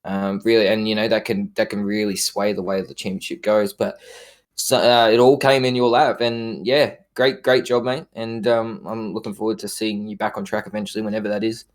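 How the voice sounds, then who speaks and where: A man's voice: lowish voice, little pitch movement, brisk. New man interviewing casually. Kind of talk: casual post-season interview.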